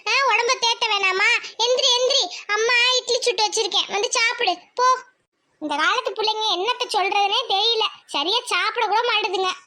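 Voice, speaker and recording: A woman voicing an older village mother in a cartoon, bossy and fussing over her daughters. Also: a little fast. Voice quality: high, bright, scolding.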